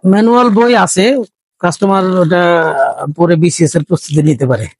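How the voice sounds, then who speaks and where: A man's voice: sits high, animated, a little fast, a little mellow, dry recording. A man casually walking through the parts of a gaming PC build, chatty and explaining as he goes, mixing in English tech terms. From Bangladesh. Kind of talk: casual hardware walkthrough.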